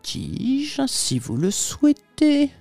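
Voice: sits high, huge pitch swings, very slow, gravelly, dark tone, soft background music, pitched above the performer's own voice, heavily acted. A reader voicing a sly, mocking male tempter who speaks with unctuous, overly polite irony in an audiobook reading. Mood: silky, mocking.

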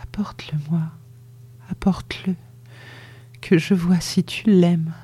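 An audiobook reader voicing a dying young woman who pleads weakly, breathy and halting, short of breath. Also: medium pitch, steady tone, warm tone, voice pushed up. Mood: faint. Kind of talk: audiobook reading.

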